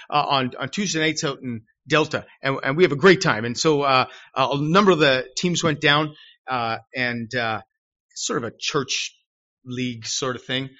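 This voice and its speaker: A middle-aged man preaching a sermon in church, animated and self-deprecating, acting out shouted quotes. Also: medium pitch. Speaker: pastor. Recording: dull lo-fi recording.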